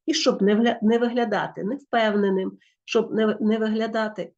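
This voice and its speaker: Ukrainian woman teaching a lively lesson. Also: medium pitch, moderate pace, dull audio. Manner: lively explanatory, with self-corrections. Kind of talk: school lesson explanation.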